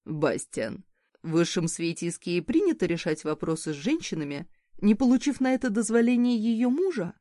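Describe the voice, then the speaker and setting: A woman playing a high-born man, mocking and commanding, lower voice, audiobook. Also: lively intonation, moderate pace, darkish tone, no echo, studio quality, natural voice.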